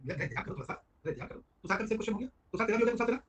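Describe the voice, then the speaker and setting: A man teaching a live online tax class, talking quickly and calling on students by name. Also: high voice, sing-song, husky. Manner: rapid, chatty, addresses students by name. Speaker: GST teacher.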